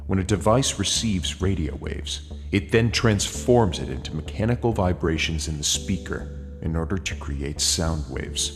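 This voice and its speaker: A man narrating a script in a disguised, artificially deepened voice, reading facts and lists in a steady, deliberate way. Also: long reverb tail, soft background music.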